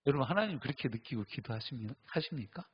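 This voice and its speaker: Middle-aged male pastor, husky and lively, sermon storytelling on a dull, lo-fi recording. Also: mid-range voice, fast talker. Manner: animated storytelling, acts out quoted voices and laughs. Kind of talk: sermon at a Friday night service.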